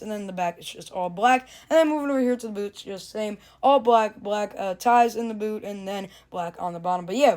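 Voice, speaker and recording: A teenage reviewer with a cracking voice, gushing excitedly in a casual toy review vlog and often saying "dude" and "oh my god". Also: medium pitch. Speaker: action figure reviewer.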